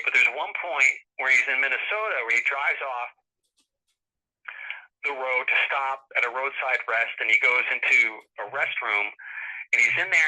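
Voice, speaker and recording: A middle-aged man, a guest author, telling a long story in a casual interview, animated and chuckling, often restarting his sentences. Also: mid-range voice, low-quality recording.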